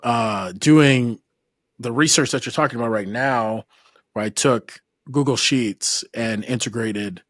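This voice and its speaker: A man's voice: medium pitch, unhurried, a bit bright, dry recording, clean studio sound. A man hosting a podcast, chatting casually with a guest, friendly and rambling, often restarting his sentences. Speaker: podcast host. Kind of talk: casual interview chat.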